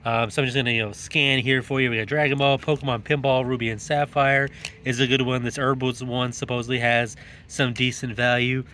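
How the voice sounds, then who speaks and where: A man in a casual, excited show-and-tell about his yard sale finds. His voice echoes as if he were in a cave, and he talks with frequent ums and restarts. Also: medium pitch, fairly quick, a little hiss or hum. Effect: echoey cave-like sound.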